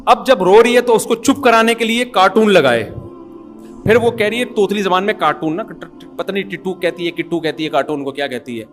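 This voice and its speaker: Middle-aged man, high pitched voice, amused chuckling storyteller, casual talk. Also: fairly quick, faint music behind. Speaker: father telling a family story. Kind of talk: humorous anecdotal talk.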